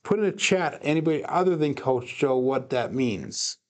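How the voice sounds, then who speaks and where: Between dice throws, a weary craps practice streamer offers casual solo commentary, coaching himself, chatting with viewers, and laughing often. His mid-range voice is animated and moves at a normal pace.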